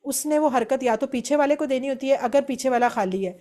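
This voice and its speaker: A woman's voice: sits high, warm tone. A woman teaching an Arabic grammar lesson, explaining step by step and reciting verb forms aloud.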